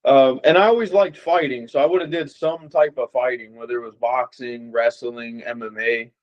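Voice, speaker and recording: The guest is a young Las Vegas boxer from the USA whose mid-range voice moves at normal speed. His casual interview talk is relaxed and rambling, packed with fillers, on dull, low-quality audio.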